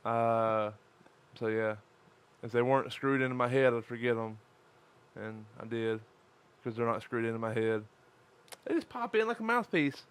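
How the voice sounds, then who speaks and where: This podcast co-host is a man with a lisp, worn out from lack of sleep, joking and swearing freely on a casual live-streamed show. His voice is medium in pitch with lively intonation at a normal speed, smooth in quality. His manner is crude, profane, and jokey.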